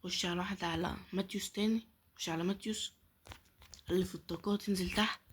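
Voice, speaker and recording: A woman's voice: lowish voice, fairly even intonation, quick pace, slightly rough. A woman with an Egyptian accent giving casual gameplay commentary, pleading and muttering prayers, often dropping to a whisper. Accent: Egyptian Arabic. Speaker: gaming YouTuber.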